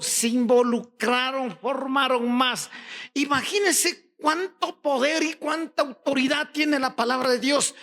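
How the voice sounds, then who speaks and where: A male Ecuadorian pastor with an extremely high-pitched voice preaches a sermon. He fires rhetorical questions at the congregation and rises to shouts on key points.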